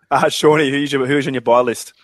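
A man hosts a relaxed sports podcast, chatty and easygoing, laughing often and filling pauses with ums. His pitch sits in an ordinary middle range. The sound is dry and close. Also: no room sound. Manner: laid-back, laughs often, many fillers. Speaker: podcast host. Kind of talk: casual sports podcast chat.

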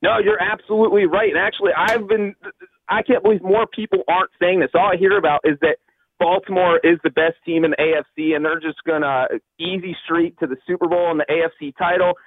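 A man from Cincinnati calling in over the phone as a guest analyst on a sports radio show, talking fast and sure of himself with plenty of fillers. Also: sits high, fairly even intonation, no room sound. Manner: quick, confident, thinks aloud with fillers. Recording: tinny phone line.

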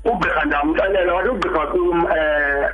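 Soft music plays behind a fairly quick, high-leaning male voice whose recording has the highs cut off. He is a Xhosa-accented South African in his sixties from the Eastern Cape, a cancer survivor chatting as an interview guest and repeatedly checking that his listener is following.

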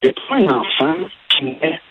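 A man with a Québécois accent, a guest expert explaining with halting restarts over a remote line that breaks up and cuts out. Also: a little high, sing-song, crowd noise. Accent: Québécois French. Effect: remote line breaking up and cutting out. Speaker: guest expert on violence and psychology. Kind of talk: explaining in a remote radio interview. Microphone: remote phone or call line. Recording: dull lo-fi line with faint hiss.

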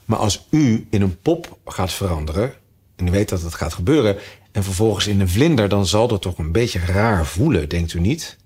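A man's voice: low-pitched, animated, moderate pace, a little mellow, husky. A man voicing a shy, very polite, confused young girl in a storybook reading. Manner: timid and very polite.

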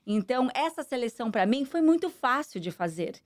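A middle-aged woman speaking with a Brazilian Portuguese accent, her voice sitting a little high. She answers interview questions earnestly and at a measured pace, with plenty of fillers. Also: sing-song. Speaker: interview guest, politician. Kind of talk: conversational interview.

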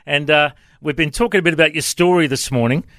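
Male radio pastor, a bit high-pitched, dry close sound. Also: fast talker, fairly bright tone, dry recording. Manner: encouraging, brief affirmations. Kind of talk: radio interview.

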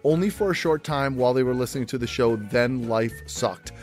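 A man's voice: fairly quick, over loud music. A man doing a playful, comedic promo for a podcast. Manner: playful, upbeat pitch.

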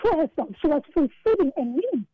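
High-voiced South African woman on a muffled line. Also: sing-song, brisk. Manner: earnest, repeats words while thinking. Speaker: author and guest. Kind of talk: radio interview.

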